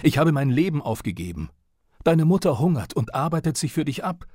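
A man's voice: medium pitch, lively intonation, brisk, darkish tone, slightly rough, dry recording, clean studio sound, voice pushed up. A man voicing an enraged father who screams hysterically at his young son. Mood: raging. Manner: shrieking, hysterical, threatening.

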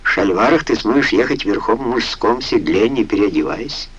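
A man's voice: fairly low pitch, lively intonation, normal speed, breathy edge, highs cut off. A man reading the lines of a proud pasha who teases and talks bluntly. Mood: teasing. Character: teasing proud pasha, male, adult.

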